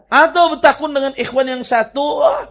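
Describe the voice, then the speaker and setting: A man with a Banjar accent giving a sermon and answering audience questions as preacher, often repeating and restarting words and swinging from quiet to loud emphasis. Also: high-pitched, expressive, fairly quick, gravelly.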